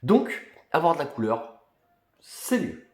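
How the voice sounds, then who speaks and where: A man's voice: a little high, huge pitch swings, slow, a little mellow. Chatty young man in an echoey room. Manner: casual, many fillers and restarts. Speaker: collector vlogger. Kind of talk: casual chat.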